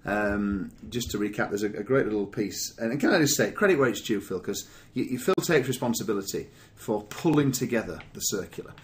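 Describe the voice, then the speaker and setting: A man's voice: on the low side, expressive, brisk, hardly any pauses, a little hiss or hum. A man hosting a business podcast in casual chat, rambling with many fillers. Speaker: podcast host.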